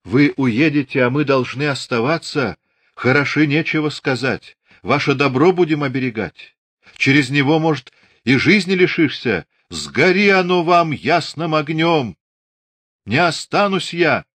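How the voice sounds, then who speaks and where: A man's voice: a little high, expressive, measured pace, no echo, voice pushed up. A man voicing a young Cossack wife who wails sharply in indignation. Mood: indignant wailing. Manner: wailing, sharp.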